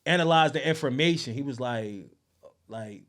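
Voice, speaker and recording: A man's voice: medium pitch, normal speed, fairly bright tone. A man hosts a casual interview podcast. He phrases questions loosely in street slang. He often drops in short words of agreement as he goes.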